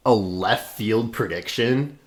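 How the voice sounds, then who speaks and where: A man's voice: on the low side, slow. A man co-hosting a podcast in casual chat, bantering with jokes and swearing. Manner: joking, profane banter. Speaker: podcast co-host.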